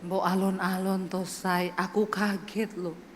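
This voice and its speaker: A woman voicing her soft-spoken Javanese husband from Solo, whose speech is slow and calm and drops low at the end of each phrase. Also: long reverb tail, over music, close to an everyday voice. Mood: gently startled.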